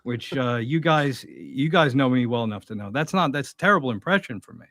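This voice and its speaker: A man's voice: medium pitch, big pitch swings, brisk, fairly bright tone, dry recording, studio quality. A young man hosting a show, reacting to a clip with sarcastic, mocking commentary. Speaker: host.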